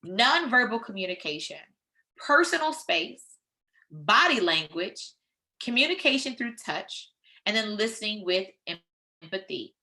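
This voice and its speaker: A woman leading a training session, lecturing in a lively, conversational way with frank personal asides. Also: medium pitch, a little slow.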